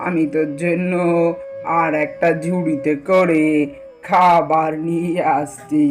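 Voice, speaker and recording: A man voicing a stubborn, kindly old village grandmother in a doll cartoon, speaking in a slow, drawn-out, fussing way. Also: a little high. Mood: calm.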